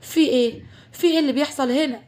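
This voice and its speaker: A woman's voice: high-pitched, fairly even intonation, fast, a little mellow. A woman voicing a frightened young woman who pleads and frets, with an Egyptian Arabic accent. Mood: panicked.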